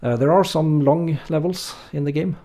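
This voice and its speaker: A Norwegian man streams a game, chatting casually with viewers and reading their messages aloud. His voice sits fairly high and moves at a normal speed. He sounds relaxed but hesitant, with lots of filler words.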